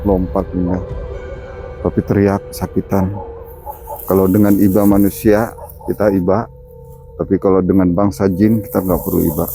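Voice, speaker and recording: A man's voice: low voice, flat delivery, normal speed, gravelly, long pauses, mellow, faint music behind. A man, a spiritual healer, explaining on an outdoor ghost-hunting walk and commanding spirits sternly. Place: outdoors in a garden.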